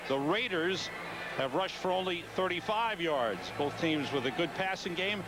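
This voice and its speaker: Male American play-by-play announcer, high-pitched, clipped polished network delivery, over heavy stadium noise. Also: expressive, normal speed. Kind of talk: live American football play-by-play commentary. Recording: noisy stadium broadcast, loud background din. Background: loud stadium noise.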